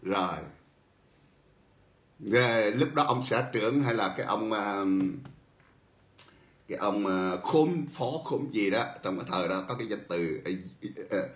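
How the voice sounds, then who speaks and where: A man's voice: on the low side, a little slow, pauses often. Guy hosting a political talk show, chuckles a lot, echoey room. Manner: animated storytelling, chuckles often. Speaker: host. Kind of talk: political commentary monologue. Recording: roomy echo.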